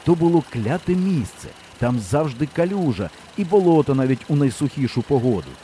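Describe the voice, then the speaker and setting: A man narrating an audiobook in an expressive storytelling manner. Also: fairly high pitch, fairly quick, a little hiss or hum. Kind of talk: scripted narration.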